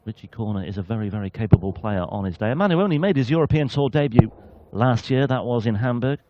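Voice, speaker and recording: A man's voice: medium pitch, lively intonation, quick pace, no room sound, muffled recording. A man giving analytical sports commentary as a darts co-commentator.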